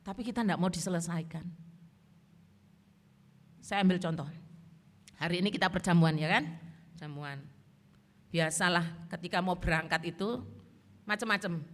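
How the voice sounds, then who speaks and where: A woman pastor preaching a church sermon, telling stories in a lively way and mixing in phrases. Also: on the low side, measured pace, long pauses. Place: church service. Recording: long church-hall reverb.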